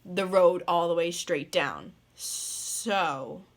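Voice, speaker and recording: A young woman from the northeastern US rambling through a story in a casual vlog, full of "like" and quick laughs. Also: on the low side. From northeastern United States. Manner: rambling, lots of "like", laughs mid-sentence. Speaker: vlogger.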